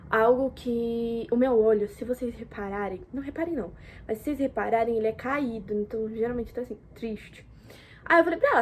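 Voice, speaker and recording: A young woman from Brazil chatting casually to camera in a vlog, expressive and talkative, jumping between loud exclamations and soft asides. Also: a little high, slight background noise. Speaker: vlogger.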